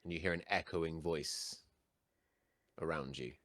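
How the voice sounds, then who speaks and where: Male game master, low-pitched, dry sound, measured and suspenseful fantasy narration. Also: steady tone, fairly bright tone, no echo. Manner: measured, suspenseful scene-setting in short phrases.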